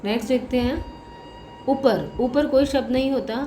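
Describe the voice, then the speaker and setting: A woman's voice: sits high, moderate pace, mellow, a little hiss or hum. A woman college professor giving a spelling lesson, patiently working through correct and incorrect words and repeating each one. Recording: echoey room with faint music.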